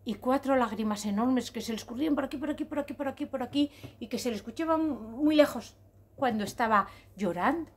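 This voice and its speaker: A woman telling a story to children in an expressive, sing-song, repetitive way. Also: on the high side, a little fast.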